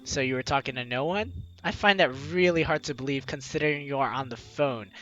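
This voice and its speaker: A woman hosting a game playthrough reads the narration aloud with expression, adding playful, giggly commentary. Her voice is bass and fairly bright, she talks a little fast, the highs are cut off, and soft music plays behind her.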